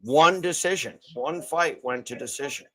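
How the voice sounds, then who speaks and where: Guy hosting a fight betting livestream, kinda high voice, gets hyped and cheers fighters on. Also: moderate pace, fairly bright tone. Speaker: livestream host. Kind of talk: live fight betting commentary.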